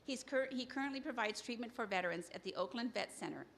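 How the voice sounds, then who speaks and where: A woman's voice: a little high, expressive, fast talker, noisy background. A woman hosting an event, formally introducing the next speaker. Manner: polite and formal. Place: conference hall.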